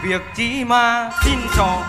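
A man's voice: extremely high pitch, slow pace. Man playing an angry rich husband, Central Vietnamese accent, stage drama, echoey hall. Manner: angry, accusing, blunt. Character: rich hot-tempered husband, man, adult. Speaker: patient's husband. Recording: reverberant hall, faint music.

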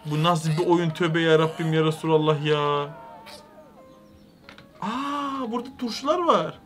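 A young man giving comedic, excitable game commentary with loud exclamations. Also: on the high side, measured pace, soft background music. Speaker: gaming YouTuber.

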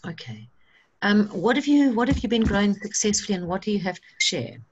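A woman's voice: mid-range voice, animated, fairly quick. A woman leading an online workshop, encouraging and practical in tone. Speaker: workshop facilitator. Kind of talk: guiding an online seed-saving workshop.

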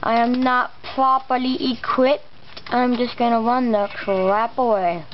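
At a measured pace and in a steady mid-range voice, this let's play host swears casually and mutters exclamations as he plays, his R sounds slightly imprecise. The muffled, lo-fi recording comes from a camera aimed at a monitor, with noise in the background.

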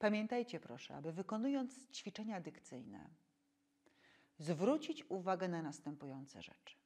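A woman actress leading diction and voice warm-up exercises, speaking slowly and articulating every syllable with care. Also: lowish voice, big pitch swings. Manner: slow, clearly articulated instructions, loud drilled syllables.

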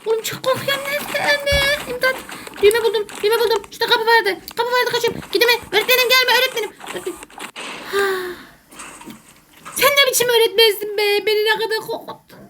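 A woman's voice: very high voice, a bit bright, slight background noise. A woman doing jokey, panicky let's play commentary as a gaming YouTuber who calls herself a gamer mom.

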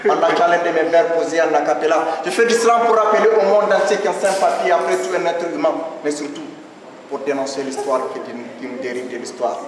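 A man's voice: a little high, brisk, crowd noise. Slam poet, man, Nigerien French accent, emphatic rhythmic delivery, distant echoey hall sound. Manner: rhythmic, declamatory, emphatic cadence. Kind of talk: slam poetry performance. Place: stage at an evening show.

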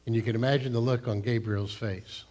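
An older man, a pastor preaching a sermon in a church sanctuary, swinging between loud emphasis and hushed, near-whispered lines. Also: mid-range voice, steady tone, a little fast. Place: church sanctuary, large room.

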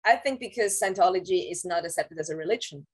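An interview guest in her thirties, once on Scientology staff, describes her past casually from a room at home via video call. Her fairly low voice is animated and slightly rough, and she halts often, restarting sentences and filling gaps with "um." It's captured on a laptop camera mic at low quality.

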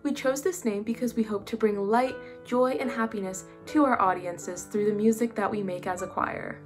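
A woman's voice: medium pitch, steady tone, normal speed, music in the background. A woman in her twenties from California speaking earnestly about her choir. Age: 20s.

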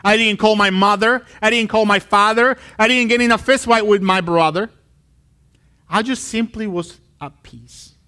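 On a church stage backed by a wood wall, a Colombian pastor in his thirties preaches a sermon, animatedly telling a story with acted-out voices. His high-sitting voice is clear, bright and resonant, forceful at a moderate pace.

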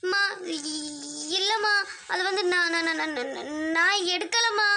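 A woman's voice: very high-pitched, normal speed, heavy background noise. A woman playing a scared child who stammers and whines through denials, in a Kanniyakumari accent. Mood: tearful. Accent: Kanniyakumari Tamil. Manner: panicky, stammering, whiny denials. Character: scared fibbing child caught snacking. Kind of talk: comic sketch acting.

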